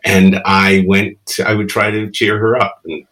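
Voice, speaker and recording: Speaking at a measured pace with a level tone, this man has a low, fairly bright voice captured on a rough recording. He's a guest in his fifties from the Bronx, New York, a native Spanish speaker, laughing often through reflective, meandering stories in a casual interview chat.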